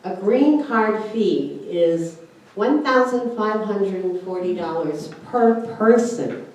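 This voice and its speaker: At a church forum, a German-born older woman, invited as guest speaker, recounts how her family immigrated, chatting informally with plenty of "uh"s and "you know"s. Her medium-pitched voice is slow, slightly mellow, and lively in intonation. A distant microphone in the spacious church hall picks up background noise as well.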